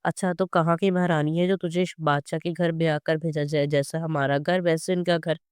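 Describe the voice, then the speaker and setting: A storyteller voicing a hot-tempered working-class mother who scolds and threatens her daughter, in a smooth, dry reading. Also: medium pitch, level tone, moderate pace, darkish tone, no echo, lightly acted. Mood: sarcastic.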